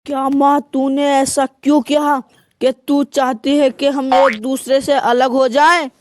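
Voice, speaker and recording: A woman's voice: high voice, level tone, unhurried, no echo, studio quality. A woman voicing an angry young husband who scolds his wife in a comedy skit. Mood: stern. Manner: stern, threatening.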